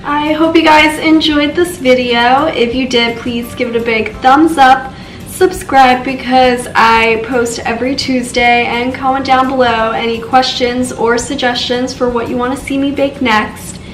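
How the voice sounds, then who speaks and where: The young woman guiding viewers through her baking tutorial is chatty and informal, peppering her talk with "so" and "just," though her voice is congested. It's high and steady, a little slow, picked up from afar in a roomy space with faint background music.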